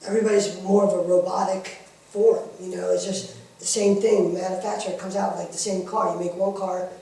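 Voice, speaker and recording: A man talks up a wrestling show in loose, informal interview chat. His voice is soft-edged and mellow. It comes through a very echoey room, picked up at a distance. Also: high voice, little pitch movement, fairly quick. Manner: talkative, informal, repeatedly saying "you know". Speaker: independent wrestling worker being interviewed.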